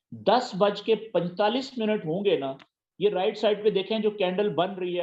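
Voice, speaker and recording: A man's voice: sits high, a little mellow, dull audio. A man teaching a trading app step by step in a patient, repetitive tutorial style. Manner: patient, repeats key terms and checks understanding. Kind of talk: screen-share tutorial.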